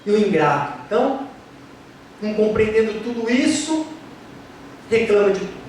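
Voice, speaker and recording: A man's voice: high voice, big pitch swings, normal speed, darkish tone, slight background noise. A Brazilian man, a physician, giving a lecture on spirituality and health, firing off rhetorical questions and acting out complaining patients. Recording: echoey hall recorded from far off.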